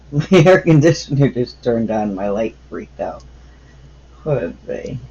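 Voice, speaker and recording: A man talks through his wire-wrapping at a home workspace, unhurried and thinking aloud as he works. His voice is gravelly, and he speaks at a slow pace. The recording is dull and lo-fi, with faint background hiss. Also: medium pitch, very animated, darkish tone. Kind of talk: casual craft follow-along narration.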